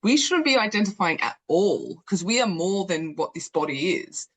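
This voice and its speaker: A woman therapist with a lowish voice, asking gentle, probing questions in a live therapy session. She speaks reflectively and calmly, unpacking assumptions step by step. She sounds middle-aged. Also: moderate pace. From Greek background.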